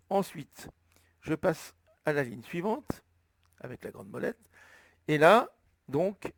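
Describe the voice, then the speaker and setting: A man with a French accent slowly explaining, step by step, how to enter a flight plan, thinking aloud as he goes. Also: medium pitch, vocal fry, breathy edge, dry recording. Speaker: flight sim tutorial maker. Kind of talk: screen-recorded tutorial narration.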